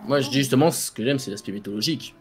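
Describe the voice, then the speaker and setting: Mid-pitched man chatting. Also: rapid-fire, music in the background. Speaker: panelist. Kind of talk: casual chat.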